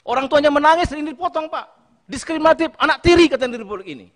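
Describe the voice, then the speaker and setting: A man with a very high voice speaks quickly and with animation as he chairs a committee hearing, pleading hard and repeatedly calling out to the minister. His impassioned words echo with long reverb through the big parliamentary room.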